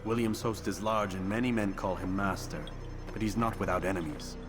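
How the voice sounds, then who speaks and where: A man playing a confident, calculating assassin in a video game, speaking in a measured way. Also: on the low side, fairly even intonation, music in the background, natural voice. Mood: coolly confident. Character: confident, calculating male assassin reporting his plan. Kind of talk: video game character acting.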